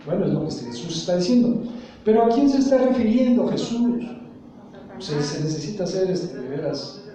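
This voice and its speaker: Man, pastor's sermon, dark mellow tone, distant from the mic. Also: sits high, animated, normal speed. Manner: asks the congregation questions and leaves blanks for them to fill. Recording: very echoey room, voice from off the mic.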